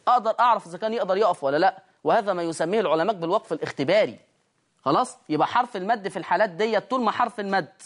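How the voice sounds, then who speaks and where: A woman with an Egyptian accent teaching tajweed on screen, explaining step by step and asking and answering her own questions. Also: on the low side. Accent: Egyptian Arabic. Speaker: Quran recitation teacher. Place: studio lesson with a control room.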